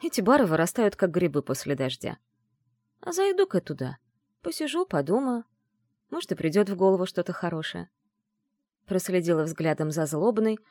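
A woman narrating a first-person story in an expressive, sardonic manner. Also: sits low, a little fast, no room sound, studio quality. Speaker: audiobook narrator.

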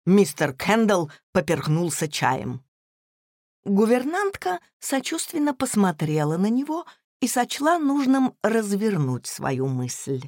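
A woman narrating an audiobook in an expressive, unhurried storytelling manner. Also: mid-range voice, dry recording, studio quality. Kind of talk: audiobook reading.

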